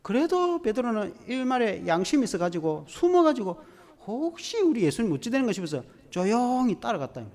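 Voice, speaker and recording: A male pastor preaches with animated storytelling. His voice sits high and swings through a wide range. A long reverb from the church hall trails each phrase. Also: brisk. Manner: animated storytelling with acted-out quotes. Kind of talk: sermon.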